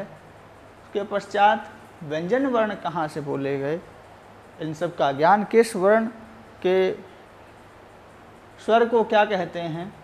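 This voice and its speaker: Male teacher going slow through a sanskrit lesson, sounds out letters one by one, bit of faint noise behind. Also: sits high. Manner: measured, explains each sound and spells it out. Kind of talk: recorded classroom lesson.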